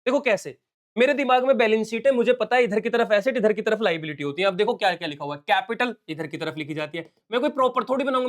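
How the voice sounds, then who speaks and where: High-voiced male teacher working sums aloud. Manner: explains step by step, calls viewers "beta" and "bachche"; works sums aloud in Hindi mixed with English terms. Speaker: commerce teacher. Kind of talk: solving exam questions on a live stream.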